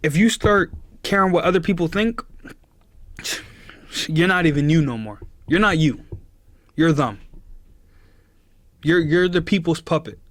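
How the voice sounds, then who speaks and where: A man's voice: on the high side, unhurried, long pauses, dry recording. A twenty-year-old man chatting casually on a live stream, giving his chat an earnest, preachy pep talk.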